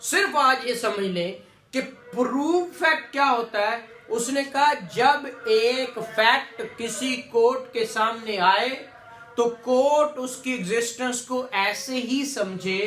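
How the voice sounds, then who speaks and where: His pitch is extremely high and his tone sharp as this law lecturer, who has a Pakistani Punjabi accent, speaks slowly to his class. He repeats his explanations, often asks for agreement, and drops in English legal terms. The echoey recording carries a little hiss or hum.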